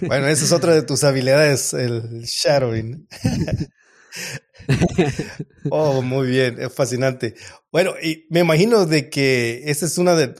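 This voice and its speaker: A man from Argentina hosting a podcast, asking thoughtful, drawn-out interview questions with occasional fillers. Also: medium pitch. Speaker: podcast host.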